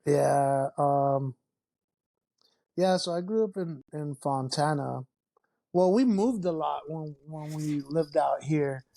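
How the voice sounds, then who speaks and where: A Mexican podcast guest chats in a relaxed way, swearing and using lots of fillers. His voice is on the high side, slow, and creaky.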